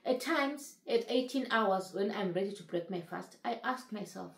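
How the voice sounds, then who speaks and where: Gravelly-voiced woman in her thirties, echoey room. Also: mid-range voice, expressive, moderate pace. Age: 30s. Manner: earnest, repeats phrases for emphasis. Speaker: vlogger sharing her weight-loss journey. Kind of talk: casual talk to camera.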